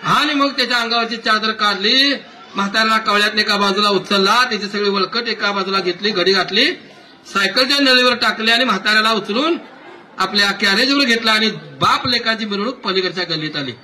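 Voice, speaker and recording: A man telling a comic folk tale to a live audience, talking to his listeners directly in a lively way. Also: sits high, a little fast, recorded from a distance, a little hiss or hum. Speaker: storyteller.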